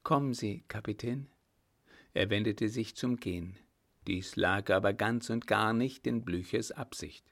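Low, gravelly male audiobook narrator. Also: steady tone, a little slow.

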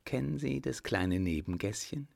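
A man voicing a cautious plotting baron in a spoken storybook, speaking low and conspiratorially. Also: expressive, normal speed, gravelly, darkish tone.

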